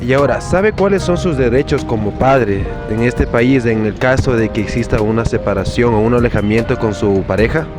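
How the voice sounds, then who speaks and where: Male street interviewer, formal questions, music loud behind. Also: mid-range voice, moderate pace, few pauses. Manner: formal questioning, some stumbles.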